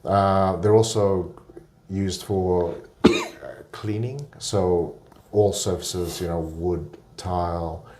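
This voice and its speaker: A man with a very deep voice talks as a guest on a relaxed interview podcast. He explains at an even pace, often stopping on filler sounds as he goes. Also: extremely slow, very noisy. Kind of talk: casual conversational interview.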